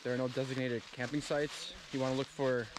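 Young man, casual hiking vlog, relaxed, outdoors, camera mic, steady outdoor noise. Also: mid-range voice, brisk. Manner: relaxed, explains as he walks. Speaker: vlogger. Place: outdoors on a forest trail.

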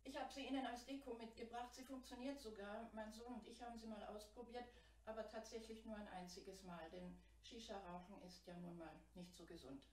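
Middle-aged woman, fairy-tale storyteller, expressive, measured, roomy echo, distant mic. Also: a little high.

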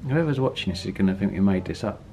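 Teasing gravelly deep-voiced man. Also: lively intonation, fast talker. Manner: teasing, dry banter. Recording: loud background noise.

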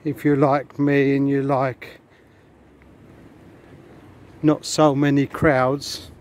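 A vlogger speaks extremely slowly in a mid-range voice with little pitch movement, addressing viewers in a rambling, chatty way. He walks along a beach and past hotels, recorded on a handheld camera outdoors with faint outdoor noise.

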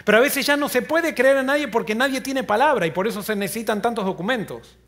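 A man preaching a sermon as pastor, retelling a story earnestly and often dropping to a low, quiet voice. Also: fast. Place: church.

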